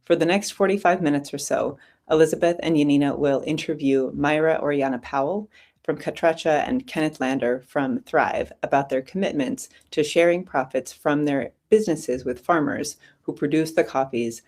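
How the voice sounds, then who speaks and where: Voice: medium pitch, moderate pace, darkish tone. Formal conference host introducing speakers. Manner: formal, reading names and titles. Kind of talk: scripted introduction.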